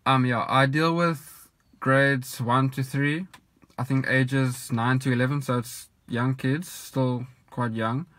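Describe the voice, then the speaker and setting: A man's voice: mid-range voice, dry recording. A young man, a cycling coach, talking casually to a phone camera while sitting in his parked car, rambling with lots of ums. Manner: relaxed, rambling with many ums. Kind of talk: casual vlog talk. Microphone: phone camera at arm's length.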